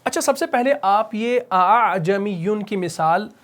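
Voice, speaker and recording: A man's voice: sits high, expressive, a bit bright. A man teaching a Quran recitation lesson, explaining step by step and asking and answering his own questions. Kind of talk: tajweed lesson.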